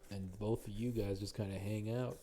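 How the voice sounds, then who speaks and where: A man's voice: on the low side, steady tone, moderate pace, mellow, slight background noise. A young man co-hosting a casual podcast chat, teasing his friends and laughing often. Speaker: podcast co-host.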